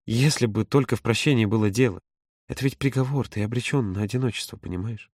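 A man voicing a grieving, resigned mother who speaks softly and sorrowfully. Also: mid-range voice, fast talker, no echo, studio quality, lightly acted. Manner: soft, sorrowful, quiet. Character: grieving mother, aging woman, resigned and tender.

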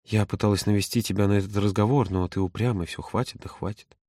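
A man voicing a grieving, resigned mother who speaks softly and sorrowfully. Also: on the low side, steady tone, fast, dry recording, clean studio sound, voice pushed down, lightly acted. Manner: soft, sorrowful, quiet. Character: grieving mother, aging woman, resigned and tender.

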